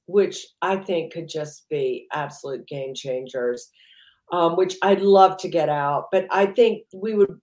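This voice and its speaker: A woman with a lowish voice chats loosely as an interview guest, circling her points and filling gaps with "you know". The recording has a noticeable roomy echo. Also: a little mellow. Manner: rambling, heavy use of "you know". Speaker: entrepreneur guest. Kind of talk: casual interview chat.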